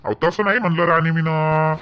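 A man's voice: fairly high pitch, fairly even intonation, fairly quick, dull audio, noisy background. A man with a rural Maharashtra Marathi accent playing a husband in a village family skit, coaxing and mildly teasing. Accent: Marathi dialect of rural Maharashtra.

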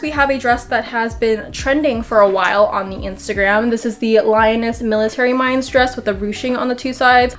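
A woman's voice: on the high side, a bit bright. A young woman, a fashion vlogger, chatting casually and enthusiastically as she shows off her clothes. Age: young adult. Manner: bubbly and enthusiastic. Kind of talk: casual try-on haul chat.

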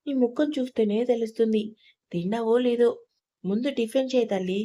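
A woman voicing a fond, gently scolding mother-in-law. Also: on the high side, brisk, lightly acted. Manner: soft, affectionate, gently scolding. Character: kindly middle-aged mother-in-law. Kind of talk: audio story reading.

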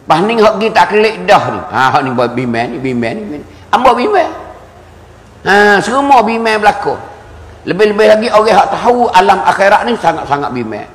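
A man's voice: high-pitched, sing-song. Man preaching in Kelantan-Pattani Malay, echoey hall. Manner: emphatic, repeats words, chants Arabic verses slowly. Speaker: religious teacher. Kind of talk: religious lecture. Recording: echoey hall with long reverb.

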